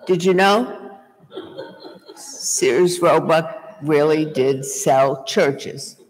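A woman's voice: sits low, a little mellow, slight background noise. Older woman preaching in a reverberant church. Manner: storytelling, deliberate. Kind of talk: sermon. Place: small church, indoors, at a pulpit. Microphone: gooseneck pulpit mic. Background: reverberant church hall.

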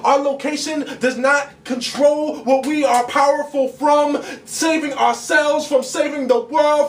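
This is a very high-pitched young man reciting a rhythmic, emphatic spoken word poem at a small bar, gesturing broadly with his arms. The audio comes from a stand mic recorded by a distant camera, giving roomy far-off echo plus a little hiss or hum.

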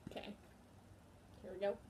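A woman hosting a food-tasting vlog in casual chat, giggly and quick to scold her co-host. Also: noisy background.

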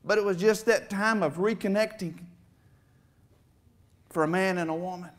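In a church sanctuary with a stage, a middle-aged man gives a sermon testimony that is heartfelt, emotionally edged and marked by emphatic swells. His voice is high-pitched and steady, at normal speed, heard through a far camera.

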